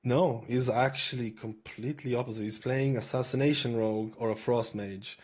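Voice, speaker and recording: A young man from Lithuania with a mixed Irish accent, chatting casually as a podcast guest and telling stories in a relaxed way. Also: medium pitch, normal speed, breathy edge. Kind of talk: casual interview chat.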